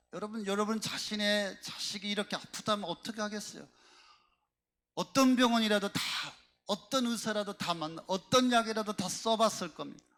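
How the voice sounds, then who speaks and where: Middle-aged male pastor, higher than usual pitch, impassioned sermon delivery, full of rhetorical questions. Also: a bit bright.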